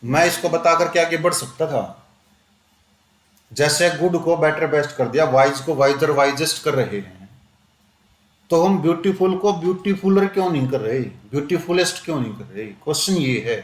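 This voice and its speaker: A man teaching a grammar lesson to a classroom of students, questioning them and slowing down to drill examples. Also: on the high side, lively intonation. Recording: echoey classroom.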